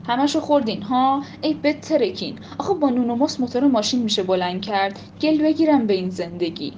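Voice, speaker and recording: A woman's voice: fairly high pitch, lively intonation, darkish tone, lo-fi sound, a little hiss or hum, lightly acted. A woman voicing a short-tempered mother who snaps and scolds her family. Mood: scolding. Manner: scolding, snapping.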